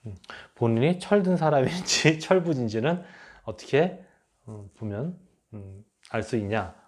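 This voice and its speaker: A middle-aged man teaches in a lively, animated way, acting out the remarks he quotes. He speaks at an ordinary pitch for a man. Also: moderate pace. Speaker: lecturer. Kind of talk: enneagram lecture.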